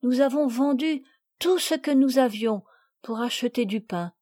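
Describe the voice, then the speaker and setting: Frail, polite peasant girl in a storybook, read by a woman; high, soft, close and dry. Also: unhurried, dry recording. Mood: meek, pleading. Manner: timid and polite, higher childlike voice. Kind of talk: audiobook character reading.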